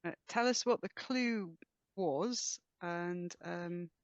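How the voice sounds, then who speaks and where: A player in a tabletop role-playing game proposes story complications slowly and deliberately. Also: medium pitch, smooth, no echo. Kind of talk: tabletop role-play discussion. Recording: dull, dry lo-fi mic.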